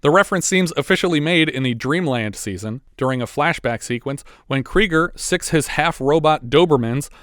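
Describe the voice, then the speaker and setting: A man's voice: on the high side, lively intonation, moderate pace, few pauses, fairly bright tone, no echo, clean studio sound. A man co-hosting a podcast, casually recapping a movie's plot with chatty asides. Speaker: podcast co-host.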